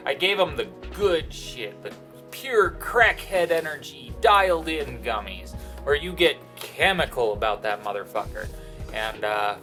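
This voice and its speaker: A man's voice: fairly high pitch, expressive, measured pace, bright, forceful tone. A young man co-hosting a casual podcast, brash and joking, swearing freely. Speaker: podcast co-host. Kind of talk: casual chat. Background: faint background music.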